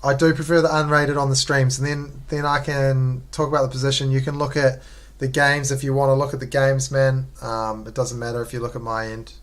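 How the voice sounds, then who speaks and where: A man's voice: mid-range voice, flat delivery, brisk. Laid-back New Zealand man streaming chess. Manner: laid-back, slangy, chatting to viewers. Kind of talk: casual live game commentary.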